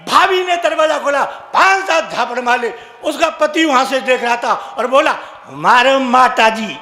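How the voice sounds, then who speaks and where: A man's voice: very high voice, moderate pace, sharp tone. A man, a comic poet, telling jokes on stage and acting out drunks and stammerers. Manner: acts out drunk and stammering characters. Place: stage in a large hall with audience. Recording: echoey hall from far off.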